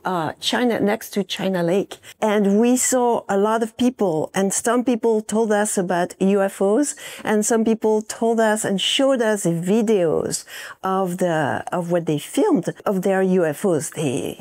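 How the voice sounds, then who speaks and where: A woman's voice: mid-range voice, a little mellow. Woman with a French accent, chatty. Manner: chatty, informal. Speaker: guest lecturer. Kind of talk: public lecture.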